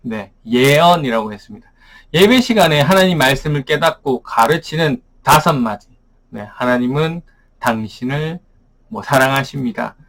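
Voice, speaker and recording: Korean pastor teaching Bible verses. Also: male voice, a little high, a bit bright. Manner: explains verses with rhetorical questions and frequent "ne". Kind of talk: daily Bible study teaching.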